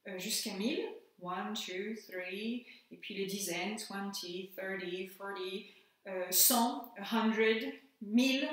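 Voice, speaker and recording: A French-accented woman teaches a lesson in a patient, step-by-step manner, spelling out letters and saying words twice. Her voice sits fairly high. She sounds set back from the microphone in a strongly echoing room. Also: far from the mic. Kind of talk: classroom lesson explanation. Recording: very echoey room, voice from off-mic.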